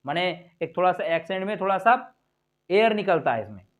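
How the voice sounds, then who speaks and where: A man teaching English pronunciation in a video lesson, repeating vowel sounds and words slowly for learners to copy, asking questions and answering them himself. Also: high-pitched, sing-song. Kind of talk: phonics lesson to camera.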